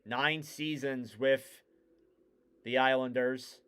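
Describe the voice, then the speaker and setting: A man giving casual live play-by-play commentary on a hockey game, getting louder and keener on the big plays. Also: medium pitch, steady tone, slow, clear, resonant tone.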